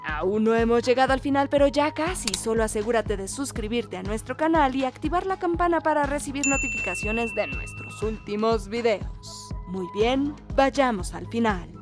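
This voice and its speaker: A woman narrates a countdown in nature documentary style from a script. Her voice sits fairly high. Music plays softly underneath her. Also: expressive, moderate pace, few pauses.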